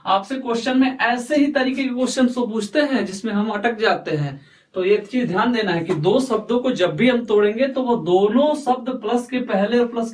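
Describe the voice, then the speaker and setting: High-voiced teacher in an echoey room. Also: male voice. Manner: slow, repetitive, quizzing himself aloud. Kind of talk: explaining a lesson at a board. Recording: echoey room, voice far from mic.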